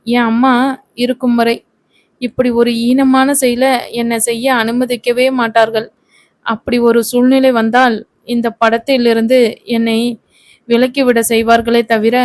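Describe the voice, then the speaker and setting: A woman reading the part of a quick-tempered young actress who complains and argues with her mother. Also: fairly high pitch, level tone, dry recording, lightly acted. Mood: defiant. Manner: indignant, complaining.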